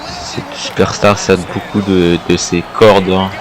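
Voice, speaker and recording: A man working as a wrestling co-commentator, adding measured remarks on the action. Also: sits low, fairly even intonation, background noise.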